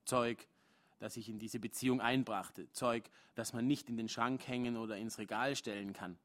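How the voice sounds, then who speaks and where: A man reading a translated story aloud at a live literary event, keeping the rhythm restrained and measured. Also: medium pitch, fairly even intonation, a bit bright. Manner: restrained, measured reading with rising intensity in dialogue.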